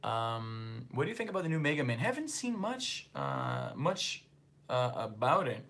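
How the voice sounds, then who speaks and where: This livestream host is a man born in northeastern Brazil who speaks Portuguese natively and carries a slight Brazilian Portuguese accent. His voice sits mid-range but swoops wildly in pitch, with a moderate pace, some creak, and a fairly bright tone. Reading viewer comments, he rambles loosely, leaning heavily on fillers.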